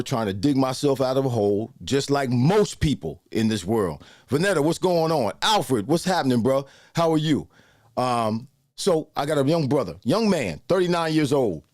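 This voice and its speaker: A host in his sixties runs a casual live chat, saying hello to viewers by name as he talks loosely. His voice is mid-range and a little mellow, recorded dry at studio quality.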